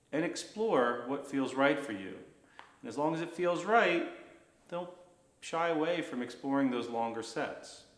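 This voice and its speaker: A man instructing a guided breathing practice in an unhurried, gently reassuring manner. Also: mid-range voice, roomy sound.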